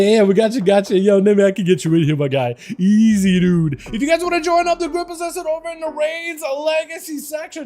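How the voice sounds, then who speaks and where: A young Russian man with a high but dark-toned voice streams a game and chats loosely through a headset. His casual livestream talk is full of fillers and restarts.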